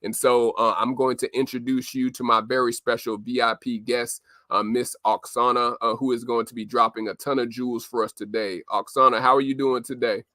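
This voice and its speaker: A man hosting a podcast, giving upbeat shout-outs with frequent "uh" fillers. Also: medium pitch, little pitch movement, fairly quick, hardly any pauses, no echo, studio quality. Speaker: podcast host. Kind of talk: podcast host intro.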